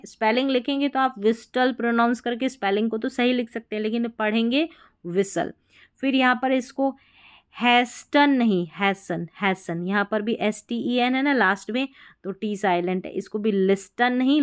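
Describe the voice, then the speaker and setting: A woman's voice: mid-range voice, smooth. Patient Hindi-speaking woman teaching English spelling. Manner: patient, repeats words slowly to model pronunciation. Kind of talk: explaining spelling rules.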